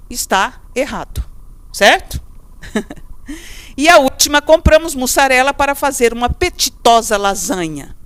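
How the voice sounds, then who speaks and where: A middle-aged Brazilian woman teaches a lively class in a fairly high voice. She talks chattily, keeps asking her students questions and acts out what they say. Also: clear, resonant tone, no room sound. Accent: Brazilian Portuguese.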